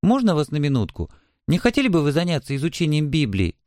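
A man's voice: a little high, wildly swooping pitch, fast, darkish tone, no echo, studio quality, pitched above the performer's own voice. Brief: a smiling, rehearsed young woman in a story reading, politely stopping strangers, read by a man.

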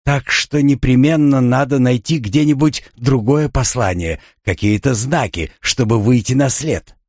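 A man's voice: mid-range voice, measured pace, a little mellow, no echo, clean studio sound, voice pushed up, close to an everyday voice. A man voicing a frightened amnesiac young woman. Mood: anxious. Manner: anxious, questioning, insistent.

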